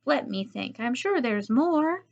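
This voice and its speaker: A woman voicing a bossy, dramatic young schoolgirl who talks high, excitable and whiny, from a slightly dull audiobook recording. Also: moderate pace, lightly acted.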